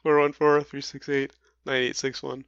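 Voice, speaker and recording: Chatty Midwestern man co-hosting a movie podcast; quick, a bit stumbly; dry home-studio sound. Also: mid-range voice, flat delivery, a bit bright, clear, resonant tone, dry recording, lo-fi sound. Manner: chatty, stumbles over words. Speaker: podcast co-host. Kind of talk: casual movie review chat.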